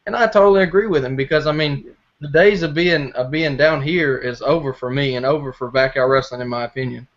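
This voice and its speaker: A man's voice: mid-range voice, brisk. A young man appearing as a podcast guest, outspoken and brash in casual chat. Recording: dull lo-fi sound.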